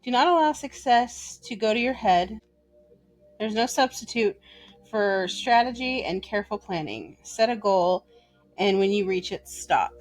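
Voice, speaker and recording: A woman's voice: medium pitch, lively intonation, a little slow, no echo. A wry, playful woman co-hosts a loose chat, tossing in jokes and reading passages aloud. She speaks through a mask, with faint music in the background. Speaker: podcast co-host.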